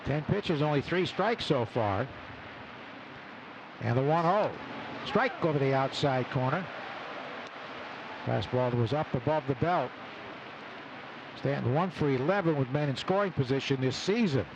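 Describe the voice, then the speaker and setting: A man delivers live radio play-by-play of a baseball game in short, clipped phrases, with steady ballpark noise behind him outdoors. His medium-pitched voice keeps a measured pace and pauses often.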